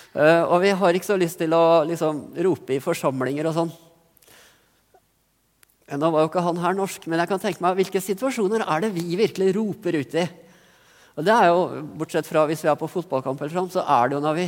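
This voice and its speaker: A man's voice: fairly high pitch, big-room sound. A man from Norway giving an earnest, reflective sermon with rising emphasis in places. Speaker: pastor.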